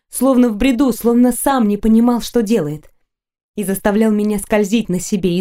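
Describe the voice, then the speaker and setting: A woman narrating a first-person romance audiobook, reading softly, intimately and sensually. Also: mid-range voice.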